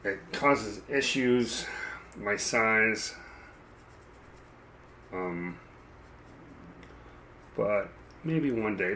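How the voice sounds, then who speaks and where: A man chatting casually while he paints a miniature, rambling and self-deprecating, with a dry, froggy throat that he keeps clearing. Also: fairly low pitch, bright, forceful tone, slight background noise. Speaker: mini painting streamer.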